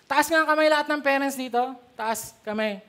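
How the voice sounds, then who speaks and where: Filipino male pastor, bright voice, lively storytelling sermon, middle-aged. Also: very high-pitched, a little fast. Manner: animated storytelling, switching between Tagalog and English.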